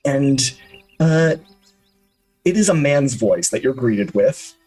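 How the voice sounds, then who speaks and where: A game master describes the scene in a slightly husky, middle-pitched voice. He paints details steadily, pausing on fillers as he goes. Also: animated, dark tone, faint music behind, poor audio. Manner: descriptive, with frequent uhs and restarts. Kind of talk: narrating a tabletop game.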